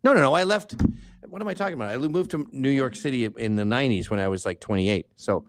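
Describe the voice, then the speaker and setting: Quick and mid-range in voice, a Canadian man in his fifties guests on an informal livestream chat. He swears freely and spins rambling, jokey stories.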